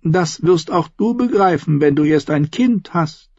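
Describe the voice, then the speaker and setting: A vehement, high-pitched noblewoman voiced by a male audiobook reader scolds and schemes with lively, swooping pitch. Her voice is a little husky. The recording is dry and dull. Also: a little slow, no room sound. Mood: scheming. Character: shrill, imperious aunt, a noblewoman, middle-aged and hateful.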